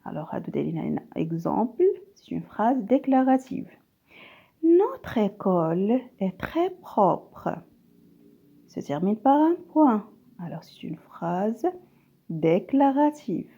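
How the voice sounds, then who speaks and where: A woman's voice: medium pitch, big pitch swings, takes it slowly, creaky, breathy edge, dull audio. A woman teacher giving a video grammar lesson, switching between French and Arabic and reading example sentences aloud. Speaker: primary school teacher.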